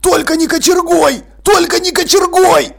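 Timid furry bogeyman, screechy and gravelly, slow drawn-out wails. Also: steady tone. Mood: pleading. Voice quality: high creaky squeals. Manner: panicky pleading, wailing. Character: cowardly furry male bogeyman monster. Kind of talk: audiobook character voice.

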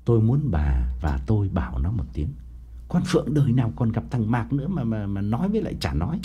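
A blunt, stubborn older father in an audiobook, played by the male narrator, firm and insistent. His low voice sounds husky and mellow, with lively swings. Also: quick pace, lo-fi sound, heavily acted.

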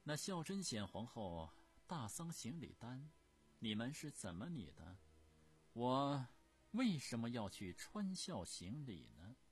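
A male storyteller voicing an imperious, furious old empress dowager who scolds in a shrill, haughty voice. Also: sing-song, a little slow, few pauses, soft background music.

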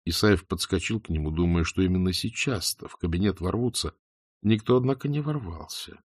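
A man narrating a novel in a scripted, expressive reading. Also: sits low, a little fast, husky, no echo, clean studio sound. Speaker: audiobook narrator.

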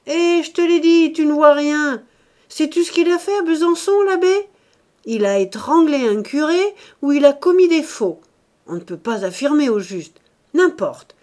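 Woman doing a fussy middle-aged husband, heated, accusing, lively pitch, storybook reading. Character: irritable suspicious middle-aged husband, bourgeois man.

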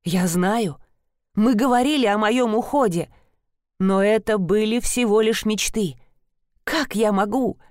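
A woman's voice: medium pitch, unhurried, darkish tone, no room sound, clean studio sound, lightly acted. A woman voicing a frightened, resentful young sister in an audiobook, pleading and rising with emotion. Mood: bitter. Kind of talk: audiobook character voice.

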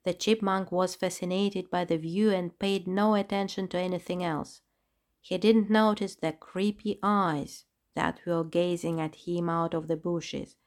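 A woman narrating a children's storybook with a steady, clear reading. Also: on the low side, measured pace.

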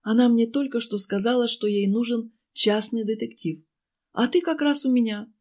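A woman voicing a chatty, fussing woman who runs a cafe, pleading and talking fast in an audiobook. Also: a little high, darkish tone, voice pushed up, lightly acted. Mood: fussy, pleading. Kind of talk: audiobook character voice.

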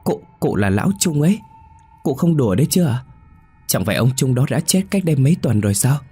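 A man's voice: mid-range voice, very animated, brisk, mellow, slightly rough, faint music behind, voice pushed up. A man voicing a frightened young male student who stammers and pleads in panic. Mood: terrified.

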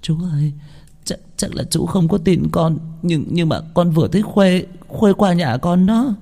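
Man playing a scared young girl, stammering, teary and high, begging to be believed in a ghost story. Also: moderate pace, creaky, dark tone. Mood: tearful, pleading. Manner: stammering, tearful. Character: frightened teenage girl stammering through tears.

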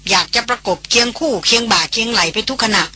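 A woman reading an audiobook voices a calm older brother who speaks evenly and soothingly. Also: a little high, fast talker, husky. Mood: reassuring.

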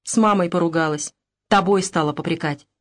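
A woman voicing a young married peasant woman who answers back in sharp, defiant retorts, in an audiobook. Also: on the low side, brisk, close to an everyday voice. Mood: curt. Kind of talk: audiobook character voice.

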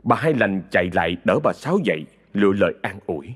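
A man with a Southern Vietnamese accent narrating a ghost story in a dramatic, expressive way. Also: deep voice, fast talker, slightly rough.

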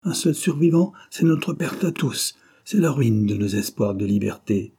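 A man's voice: mid-range voice, lively intonation, unhurried, warm tone, breathy edge. A man reading aloud, voicing a stern older male rebel in an urgent, declaiming manner. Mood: grim urgent. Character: old male mountain rebel, grim and fierce.

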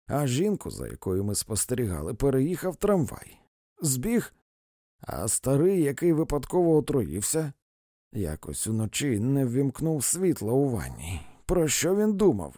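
A man's voice: mid-range voice, mellow, no room sound, clean studio sound, heavily acted. A man voicing an earnest, persuasive old man who pleads to be heard. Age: older.

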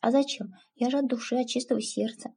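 A woman's voice: a little high, fairly even intonation, fast talker, vocal fry, darkish tone, breathy edge, pitched above the performer's own voice, full character voice. A woman voicing a timid, earnest young village woman who pleads and defends herself. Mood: pleading.

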